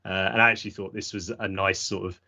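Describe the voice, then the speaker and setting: A man hosting a casual hobby podcast, relaxed and chatty. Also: low-pitched, fast talker. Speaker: podcast host. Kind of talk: casual chat. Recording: dull lo-fi audio.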